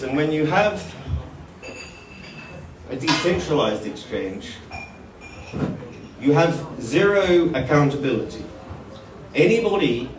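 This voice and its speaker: A man with a fairly high voice gives a live presentation to an audience in a conference hall. He's informal, calls people "mate," and restarts phrases. The recording is echoey and picked up from far off, with a noisy background.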